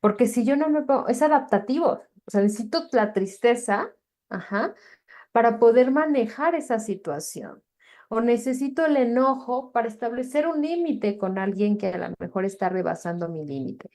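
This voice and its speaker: A woman's voice: fairly high pitch, normal speed, a little mellow. A woman with a Mexican accent giving an informal webinar lecture to parents, talking conversationally with frequent tag questions and filler words. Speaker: webinar presenter and teacher.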